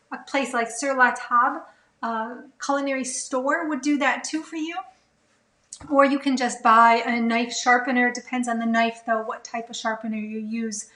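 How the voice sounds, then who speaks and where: Bright-voiced woman hosting a cooking Q&A. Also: fairly high pitch, reverberant, poor audio. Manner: chatty, reads viewer comments aloud, many fillers. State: a little out of breath. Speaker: cooking class host. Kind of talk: live Q&A while cooking. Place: home kitchen.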